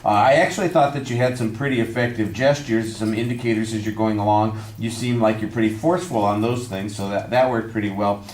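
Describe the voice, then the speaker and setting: A man, a speech instructor, giving measured, constructive feedback on a student's speech with frequent fillers. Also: fairly low pitch, steady tone, a little mellow, echoey room, slight background noise. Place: classroom.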